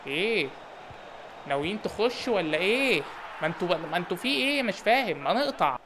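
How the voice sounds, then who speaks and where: Rapid-fire Egyptian gamer man. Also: high voice, very animated, noisy background. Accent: Egyptian Arabic. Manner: rapid, joking, shouts at players. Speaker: gaming YouTuber. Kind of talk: excited football game commentary.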